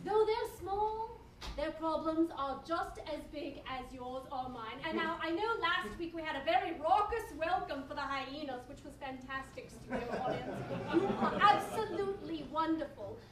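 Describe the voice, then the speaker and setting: A woman's voice: high-pitched, animated, normal speed, crowd noise. A woman playing a female sex-advice doctor who hosts a comic talk show, courteous, soothing and playfully grand. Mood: welcoming, playful. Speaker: show host. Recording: echoey live venue, distant, noisy audience.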